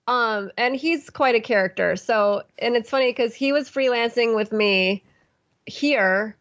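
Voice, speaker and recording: A woman who is a classical musician and podcast host appears as a guest on a casual podcast, rambling with restarts and ums. Her voice is medium-pitched, with no echo and the highs cut off.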